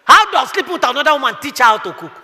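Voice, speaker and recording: Fervent woman pastor, forceful and echoey. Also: high-pitched, sing-song, fast. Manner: fervent preaching with rhetorical questions and shouted bursts. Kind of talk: sermon. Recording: echoey hall.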